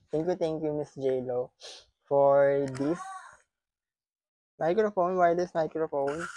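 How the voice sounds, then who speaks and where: Chatty Filipino man vlogging, higher voice. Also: a little mellow, low-quality recording. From Philippines. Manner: chatty, repeats thanks, playful teasing. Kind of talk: casual unboxing vlog. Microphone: wireless clip-on microphone.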